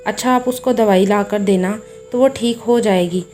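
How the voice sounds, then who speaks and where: A woman voicing a calm, caring young husband who reassures his mother, in a storybook tale. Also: mid-range voice, normal speed, soft background music, natural voice.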